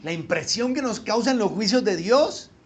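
Male pastor, high voice, sermon delivery; wide dynamic swings, asks the room questions. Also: lively intonation, normal speed. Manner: swings between hushed low asides and loud emphatic peaks; addresses listeners directly with rhetorical questions.

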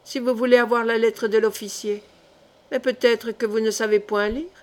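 A woman's voice: fairly high pitch, level tone, moderate pace, lightly acted. Woman doing a touchy rustic young lad. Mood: coaxing. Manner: rustic country speech, clipped words. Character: naive young male bread carrier, touchy.

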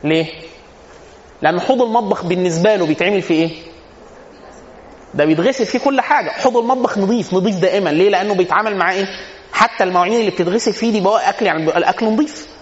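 Fast, high-voiced Egyptian sheikh in a hall. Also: male voice, slight background noise. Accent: Egyptian Arabic. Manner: humorous, anecdotal, asks and answers his own questions. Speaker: sheikh giving a religious lesson. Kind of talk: informal religious lesson. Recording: echoey hall, dull lo-fi sound.

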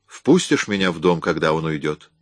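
A hard, impatient young burglar who fires off curt, pressing questions, read by a man. His voice is very deep and sits in a dry, close recording. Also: expressive, moderate pace, dry recording. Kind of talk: audiobook reading.

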